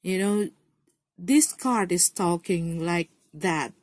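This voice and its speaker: A woman's voice: on the low side, slow, dry recording. A woman giving a casual tarot reading to her viewers, encouraging, repeating phrases and often saying "you know". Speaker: tarot card reader.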